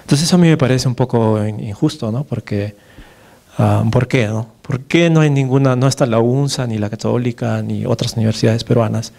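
Speaking at a podium in a large, dark hall, a thirty-something neurologist from Peru delivers a conference lecture in Peruvian-accented Spanish. His mellow voice sits mid-range for a man, with vocal fry and a fairly quick pace, and he chats along with fillers and "right?" tags. The audio comes from a podium microphone and a distant camera.

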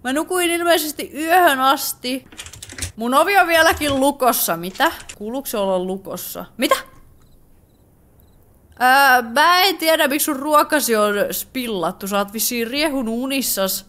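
Finnish woman gamer, fairly high voice, jumpy horror let's play commentary, chatty. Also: expressive, pushed and bright. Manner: jumpy, startled exclamations, chatty asides. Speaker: gaming YouTuber.

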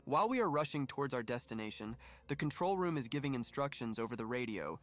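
A man narrating a documentary voice-over in a calm, even, explanatory way. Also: medium pitch, a little fast, noisy background.

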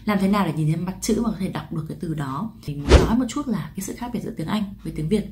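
A woman's voice: fairly low pitch, expressive, rapid-fire, heavy background noise. A woman from Vietnam teaching English pronunciation in a chatty lesson, asking rhetorical questions and drawing out example words. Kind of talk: explanatory lesson to camera.

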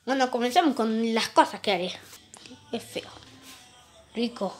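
A woman doing playful plush-toy role-play of a video game, jumping quickly between excited, squealing character voices. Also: fairly high pitch, soft background music.

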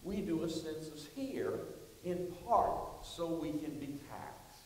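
A man's voice: on the high side, very animated, takes it slowly. A male pastor preaching a sermon and reading scripture, asking the congregation to answer him. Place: church sanctuary. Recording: echoey church hall, distant mic, faint hiss.

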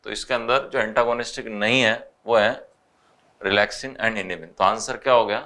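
Indian man, biology teacher walking through test solutions, bright crisp voice, Hindi-English mix. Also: on the low side, steady tone. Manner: mixes Hindi with English, reads questions slowly.

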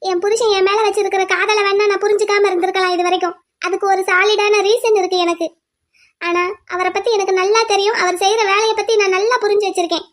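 A woman voicing a defiant young wife held captive in a cartoon drama, who calmly pleads and reasons with her captor. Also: very high-pitched, quick pace. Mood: reasoning. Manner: calm, pleading then lecturing at length.

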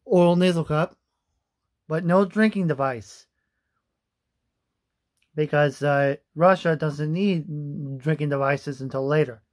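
A young man giving a casual, halting explainer to camera, often repeating himself, on a phone held at arm's length indoors. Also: on the high side. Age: young adult. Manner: halting, repetitive. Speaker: vlogger. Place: small room indoors.

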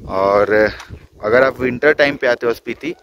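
A young man talks casually to a handheld camera held at arm's length, sharing travel tips and ribbing his friends. His voice sits at an average pitch, with a faint hiss of wind and open-air ambience behind him. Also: a little slow, dull audio. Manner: chatty, teasing, casual Hindi-English mix. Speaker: travel vlogger. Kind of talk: casual travel vlog talk. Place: outdoors on a windy mountain road.

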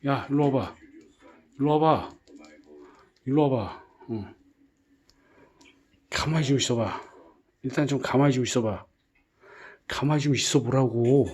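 Gruff exasperated man scolding, swearing. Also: mid-range voice, measured pace, pauses often, a little mellow. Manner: repetitive commands, sighing. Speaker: vlogger caring for puppies. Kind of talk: casual scolding monologue.

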